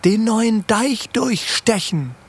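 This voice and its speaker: A man's voice: high-pitched, expressive, takes it slowly, slightly rough, voice pushed up, heavily acted. A man voicing frightened dike workers who answer their master timidly. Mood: fearful. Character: frightened dike laborers, common working men.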